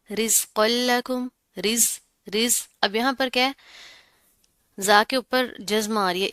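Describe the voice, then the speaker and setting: A woman giving a tajweed lesson, explaining rules patiently step by step and reciting words slowly with drawn-out sounds. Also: mid-range voice, fairly bright tone, clear, resonant tone, dry recording, studio quality. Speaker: Quran recitation teacher.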